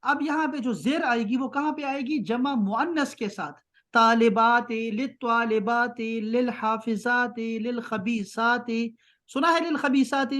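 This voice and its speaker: A man teaching an online grammar class. He keeps checking that students follow and slows right down to spell out terms. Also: extremely high pitch, lively intonation, a bit bright. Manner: patient, keeps checking with "ٹھیک ہے؟".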